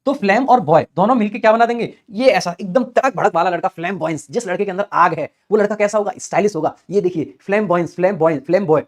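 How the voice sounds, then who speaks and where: A man's voice: sits high, fast, hardly any pauses. A man teaching English vocabulary for exams in a chatty way, repeating key words in a chanting rhythm. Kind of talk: exam-prep vocabulary lesson with memory tricks.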